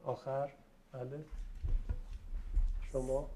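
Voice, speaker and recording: A man teaching a class how to pronounce Arabic letters, politely asking students questions and stretching out example words slowly. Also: mid-range voice, level tone, mellow. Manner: slow, drawn-out model pronunciations. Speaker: Quran recitation teacher. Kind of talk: classroom lesson on letter pronunciation.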